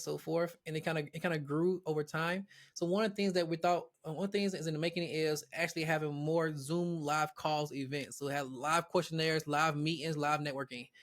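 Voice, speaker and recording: A man who is a guest on an interview show, talking casually about his platform with many restarts and repeated words. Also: a little high. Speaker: guest, real estate platform founder.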